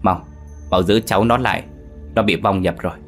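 A man's voice: deep voice, steady tone, normal speed, soft background music, natural voice. A man voicing an old village ritual master in a spoken ghost story, grave and urgent.

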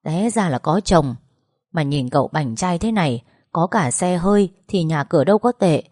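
A woman's voice: deep voice, animated, a little mellow, no echo, clean studio sound. Woman playing a blunt, scolding old village man. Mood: reproachful. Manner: slow, blunt and reproachful.

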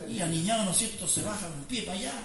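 A man with a Chilean accent preaching a fervent sermon as pastor, rising to near-shouts and sing-song praise. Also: sits high, rapid-fire, vocal fry. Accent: Chilean Spanish. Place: church hall. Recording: echoey church sound from a distance with congregation.

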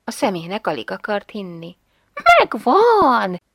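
A woman reading a short story aloud with expressive, measured storytelling. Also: mid-range voice, dry recording, studio quality. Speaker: reader.

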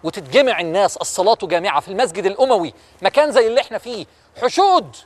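A man's voice: high voice, sing-song, racing. A man with an Egyptian Arabic accent, preaching and telling a story in a fervent way, firing rhetorical questions at his listeners. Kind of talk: storytelling religious talk. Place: historic mosque-like building.

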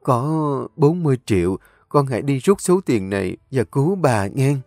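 A man's voice: mid-range voice, sing-song, normal speed, darkish tone, dry recording, studio quality, faint music behind, pitched above the performer's own voice. A man voicing a determined, tender young woman from the countryside, talking in an emotional, pleading way. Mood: gentle.

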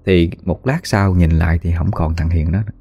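A man narrating a spooky story in a folksy, animated way, acting out the voices of the people in it. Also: low-pitched, fairly quick, creaky, slightly rough. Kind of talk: spoken ghost story narration.

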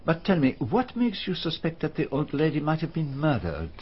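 An actor playing the detective Poirot in a BBC radio drama, speaking in a precise, formal way and asking probing questions. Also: male voice, fairly high pitch, sing-song, moderate pace, a little hiss or hum. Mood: inquisitive. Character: Poirot, fastidious middle-aged male detective. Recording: dull archive radio recording.

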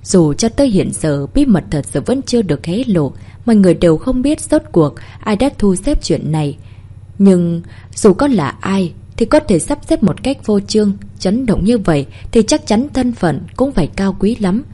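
A woman narrating a story in an expressive storytelling manner. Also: medium pitch, normal speed, slightly rough. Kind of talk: story reading.

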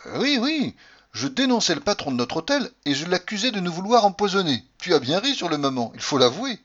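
A man reading an audiobook, playing an excitable young lover with emphatic exclamations. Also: high voice, brisk, dull audio, pitched above the performer's own voice, full character voice. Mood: protesting.

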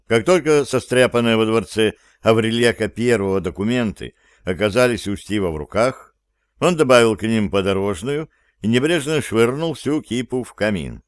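Man narrating, smooth and resonant. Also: on the low side, moderate pace, no room sound, clean studio sound. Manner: steady, even storytelling. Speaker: audiobook narrator. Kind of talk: scripted fantasy narration.

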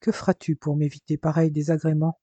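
A man reading an audiobook, voicing a sick, tender young man who pleads in a gentle, earnest way. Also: a little high, completely flat delivery, brisk, no room sound, dull audio, natural voice. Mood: teasing. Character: young man, ill, tender and worried lover.

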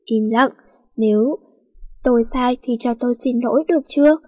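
A woman's voice: fairly high pitch, normal speed, warm tone, no echo, natural voice. A woman voicing a stubborn, jealous young woman who answers in curt retorts. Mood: sulky. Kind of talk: storybook reading.

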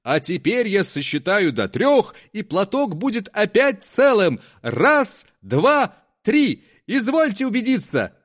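A man's voice: sits high, very animated, takes it slowly, hardly any pauses, pitched above the performer's own voice, heavily acted. A man voicing a poor, hungry conjurer who talks in a shaky, pleading showman's patter.

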